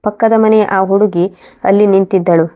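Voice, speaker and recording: A woman narrating a first-person moral story in a steady, even reading voice. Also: medium pitch, normal speed, dull audio.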